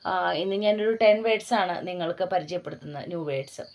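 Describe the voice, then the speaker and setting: A female tutor from Kerala, giving an exam-prep lesson. She talks in encouraging teacherly asides and reads spellings out slowly, letter by letter. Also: lowish voice, darkish tone, dull audio. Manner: slow dictation of spellings letter by letter. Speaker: OET tutor.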